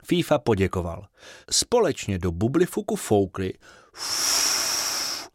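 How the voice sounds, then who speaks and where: A man reading a children's bedtime story aloud in an expressive, sing-song way. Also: medium pitch, no room sound, studio quality.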